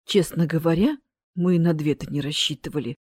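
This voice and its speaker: A woman's voice: low-pitched, normal speed, darkish tone, husky, no room sound, clean studio sound, voice pushed down. Woman doing a tearful underworld lord. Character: tearful, easygoing male ruler of the underworld.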